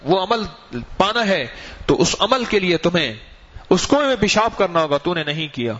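A man's voice: sits high, sing-song, a bit bright, full character voice. A man voicing stern hidden spirits who call out from inside a well, giving commanding warnings as part of a told story. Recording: muffled, lo-fi recording.

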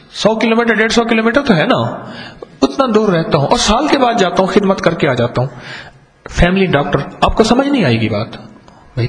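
A man from Pakistan preaching a sermon, telling parables and acting out the dialogue with strong rises and falls in emphasis. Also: sits high. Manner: storytelling, acts out dialogue, rising and falling emphasis. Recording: long hall reverb.

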